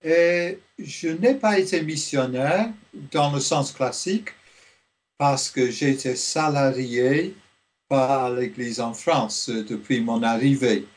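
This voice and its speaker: An older man from Liverpool, a theology professor, speaking in a radio interview, slowly and with many hesitations. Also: medium pitch. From Liverpool, England. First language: English. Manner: slow, halting, many fillers.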